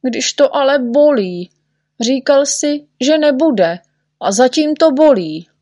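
A woman's voice: fairly high pitch, expressive, no echo, clean studio sound. A woman voicing a clumsy, boastful little male shorty who yelps and whines about pain. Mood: whining. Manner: whiny, yelping, scared of pain.

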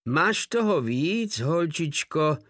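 A man's voice: medium pitch, animated, a bit bright, no echo, studio quality, lightly acted. A man voicing a crude, brutish giant soldier with a coarse, bellowing delivery in a storybook reading.

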